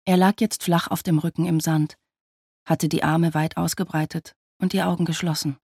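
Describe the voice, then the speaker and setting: Gravelly, husky storybook narrator. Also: medium pitch, flat delivery, normal speed, a little mellow, no echo, studio quality. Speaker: audiobook narrator. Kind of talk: scripted narration.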